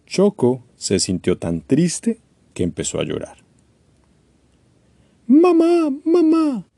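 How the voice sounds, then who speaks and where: A man reading a children's storybook aloud, expressive and animated. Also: fairly low pitch, dry recording.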